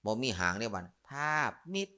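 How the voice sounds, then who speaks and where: Pushed and bright, this man's voice keeps a moderate pace. He's a Buddhist monk with an Isan accent from Northeastern Thailand, delivering a funny Dharma sermon of jokes, stories and playful asides to the audience.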